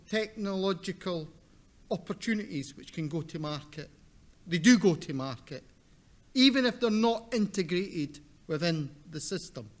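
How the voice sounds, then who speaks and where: A man with a broad Scottish accent giving a conference presentation in a deliberate, direct, emphatic manner, repeating points for weight. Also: sits high. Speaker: seminar presenter, academic.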